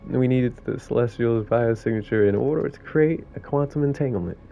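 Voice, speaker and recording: Guy doing a sarcastic game raccoon w/ a wobbly new york accent, gravelly, muffled audio. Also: medium pitch, brisk, slight background noise, lightly acted. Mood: wry. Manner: reading game dialogue aloud. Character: sarcastic male raccoon mechanic and pilot.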